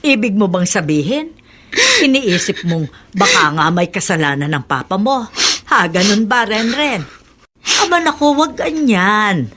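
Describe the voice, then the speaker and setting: A woman's voice: medium pitch, animated, unhurried, sharp tone, a little hiss or hum. An actress playing a caring grandmother who soothes and lectures her grandson in a radio drama. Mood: comforting. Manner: soothing, scolding lightly. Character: gentle older grandmother giving advice. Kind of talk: Filipino radio drama acting.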